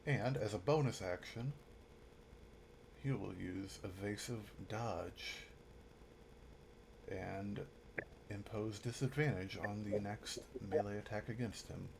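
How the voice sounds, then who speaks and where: Deep, creaky-voiced man running a tabletop game. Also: slow, long pauses, noisy background. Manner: easygoing, repeats phrases. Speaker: game master. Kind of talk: casual tabletop game narration.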